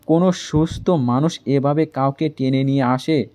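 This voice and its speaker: A man voicing a defiant, sharp-tongued young woman who answers back indignantly. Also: medium pitch, normal speed, clear, resonant tone, close to an everyday voice. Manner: indignant, retorting.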